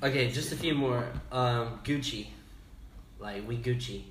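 A man's voice: medium pitch, measured pace. A man hosting a casual chat who quizzes his friends on slang and repeats each word patiently. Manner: patient, repeats words and spells them out. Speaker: host explaining slang words. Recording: roomy and noisy, from a distant mic.

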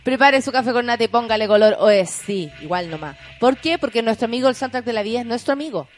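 A woman's voice: fairly high pitch, lively intonation, fast, soft background music. A woman with a Chilean accent hosting a morning show, chatting and reading the news and listener messages, giggly and theatrical. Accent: Chilean Spanish. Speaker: morning radio host. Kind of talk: casual chat and news reading.

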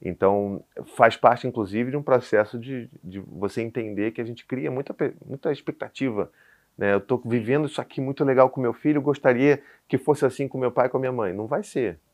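A man's voice: mid-range voice, fairly quick. A man in his thirties with a Brazilian Portuguese accent, a podcast guest telling a story in casual chat and acting out the dialogue. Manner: animated storyteller, acts out dialogue. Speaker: podcast guest, father of four.

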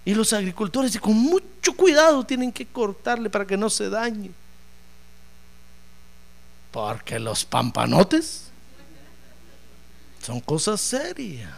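A man preaching a sermon in an animated, joking way, acting out voices as he tells the story. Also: high voice, slow pace, gravelly, pauses often.

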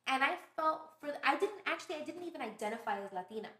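A woman from Brooklyn, a podcast guest telling stories in casual, animated chat. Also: high voice, fast talker. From Brooklyn, New York. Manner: animated storytelling, laughs often. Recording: roomy echo.

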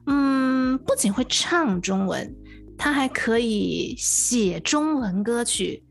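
A woman's voice: a little high, expressive, takes it slowly, vocal fry, faint music behind. A woman hosting a radio interview, addressing listeners and her guest with frequent exclamations.

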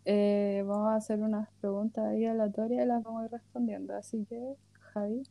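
A woman's voice: mid-range voice, flat delivery, fairly quick, creaky, dark tone, no room sound. A woman in her early twenties with a Chilean accent, co-hosting a casual podcast with jokes and frequent laughter. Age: 20s. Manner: joking, self-mocking, laughs often. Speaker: podcast co-host.

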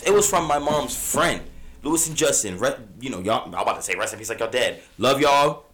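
A man in his thirties co-hosting a casual podcast, animated and profane, swinging from soft asides to loud bursts. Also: on the high side. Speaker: podcast co-host. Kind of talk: casual chat.

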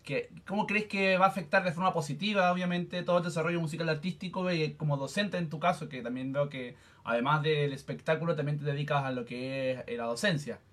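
Dude hosting a video call interview, kinda high voice, playful and hyped. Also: male voice, a little fast, few pauses, fairly bright tone. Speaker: interviewer host. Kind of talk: casual interview conversation.

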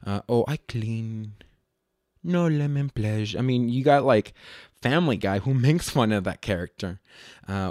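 A man's voice: fairly low pitch, darkish tone, clean tone, no echo, clean studio sound. A man who works as a comedian, talking casually to the camera in a rambling way, often stopping to correct himself. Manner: rambling, self-correcting, hesitant.

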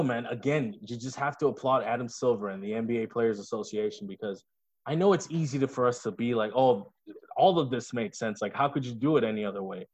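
A man co-hosting a casual podcast chat, talking in a loose, profane and jokey way. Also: medium pitch. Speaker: podcast co-host. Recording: slightly dull lo-fi sound.

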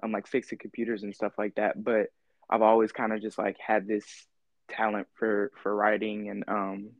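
A man in his twenties from California, chatting casually as a podcast guest, halting and easygoing, with lots of ums. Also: on the low side, monotone, no echo, highs cut off. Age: 20s. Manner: laid-back, halting, full of ums and laughs. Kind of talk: casual interview chat.

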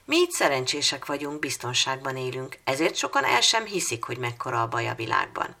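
A woman's voice: very deep voice, very animated, vocal fry, sharp tone, full character voice. A woman reading as an earnest young girl.

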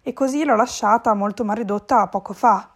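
A woman voicing a calm, kindly male cat who speaks slowly and low. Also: slightly rough.

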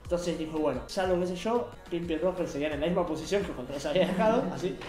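A young man with a Rioplatense accent tells a story at a rapid clip, bouncing through acted quotes in a voice that sits a bit high. He sounds like he is in an echoey room, with faint music playing behind him. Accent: Rioplatense Spanish. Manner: fast, animated storytelling with acted quotes and laughter. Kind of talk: casual chat.

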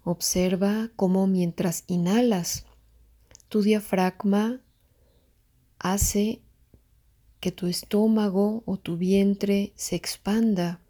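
Slow, mellow-voiced woman guiding meditation. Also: medium pitch. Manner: slow, soft, calm instructions with counted breaths. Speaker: meditation guide. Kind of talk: guided breathing meditation.

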